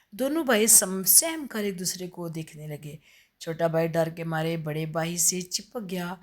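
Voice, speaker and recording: A woman narrating a story in an earnest, gently dramatic way. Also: fairly low pitch.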